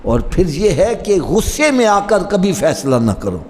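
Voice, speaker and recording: A middle-aged man preaching a sermon, telling stories and speaking directly to his listeners. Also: high-pitched. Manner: animated, storytelling with rising emphasis and asides to listeners. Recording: long reverb hall with faint ambience.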